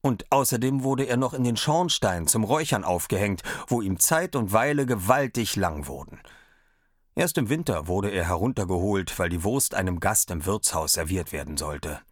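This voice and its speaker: A man reading a fairy tale aloud as a storyteller, expressive and lively. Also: lowish voice, moderate pace, dry recording, clean studio sound.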